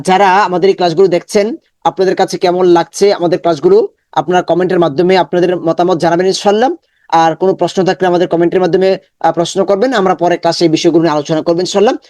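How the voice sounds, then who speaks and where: A male Quran teacher giving an online lesson, drilling syllables slowly one at a time with many repetitions and chanting the verse in long drawn-out tones. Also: high voice, darkish tone, no echo, studio quality. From Bangladesh.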